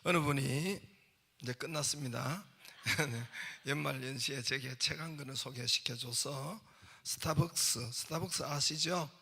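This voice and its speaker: Gravelly, bright-voiced Korean pastor preaching. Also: male voice, mid-range voice, unhurried. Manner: jokey storytelling, asks the congregation questions. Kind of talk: sermon with humorous anecdotes. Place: church sanctuary.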